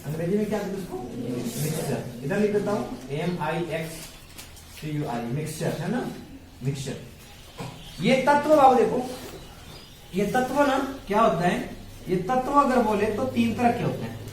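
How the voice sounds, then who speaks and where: A man's voice: sits high, lively intonation, normal speed, pauses often. A male teacher giving a classroom science lesson, firing repeated questions at the students and answering them himself in a call-and-response drill. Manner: calls students "babu" affectionately. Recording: echoey room, voice far from mic, background noise.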